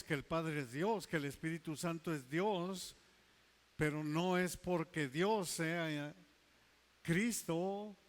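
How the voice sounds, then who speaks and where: A male pastor preaching a sermon, emphatic, stretching key words slowly and dropping into quiet asides. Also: on the high side.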